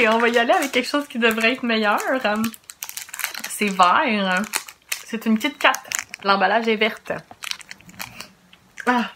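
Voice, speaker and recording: A woman in her thirties with a Québécois accent, chatting quietly and reacting aloud as she tastes snacks at home. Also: medium pitch. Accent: Québécois French. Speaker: vlogger. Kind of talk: casual snack tasting vlog. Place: home, indoors. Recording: noisy home video with wrapper crinkling.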